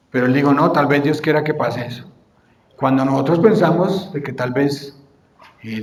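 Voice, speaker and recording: Un predicador que da un sermón, hace preguntas a la congregación y él mismo las contesta. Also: male voice, medium pitch, darkish tone. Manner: asks the congregation questions and answers them himself. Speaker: preacher. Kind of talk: sermon. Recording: echoey church hall with long reverb.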